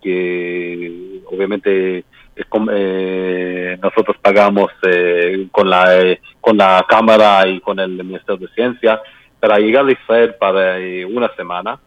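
Halting low-voiced man, foreign-accented non-native speaker. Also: flat delivery, no room sound, dull audio. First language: not a native Spanish speaker. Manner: halting, searching for words. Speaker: embassy political adviser being interviewed. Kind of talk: radio interview answers.

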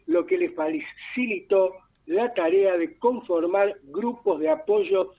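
A man with an Argentine accent, a radio columnist reading a formal, dense prepared column in a measured way. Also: high-pitched. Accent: Argentine Spanish. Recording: tinny phone line.

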